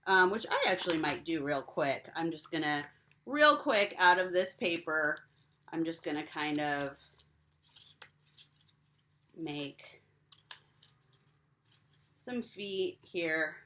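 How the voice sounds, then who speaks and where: A young woman walks children through a craft project in a cheerful, step-by-step way. Her voice is bright and lively, rising and falling a lot. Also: low-pitched, slow pace, long pauses, a little hiss or hum. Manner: cheerful, step-by-step instructions to kids. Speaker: teacher.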